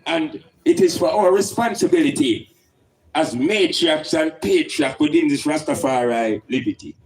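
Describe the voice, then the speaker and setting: A man's voice: fairly high pitch, sing-song, moderate pace, rough recording. A man with a Jamaican accent speaking in Rastafarian style, preaching and teaching emphatically with rhetorical questions and Rastafari idioms.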